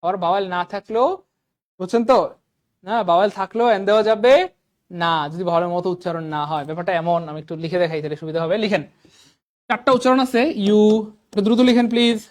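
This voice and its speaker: A man's voice: sits high, fast. Bangladeshi man teaching English grammar. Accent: Bangladeshi Bengali. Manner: quizzing students with rising questions; drills examples by repetition. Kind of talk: classroom grammar lecture.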